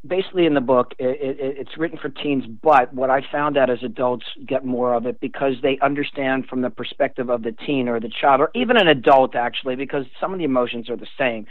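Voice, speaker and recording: An older man, a guest author on a radio interview, explains things earnestly and emphatically. His mid-range voice moves a little fast with few pauses, and the tinny, narrow phone line has no room sound.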